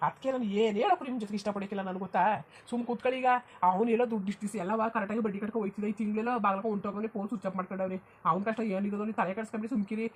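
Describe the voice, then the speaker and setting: Defensive adult son for a cartoon, brisk, dismissive, a woman voices it. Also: mid-range voice, a little hiss or hum, lightly acted. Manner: curt, dismissive. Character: defensive adult son, brushing off his mother.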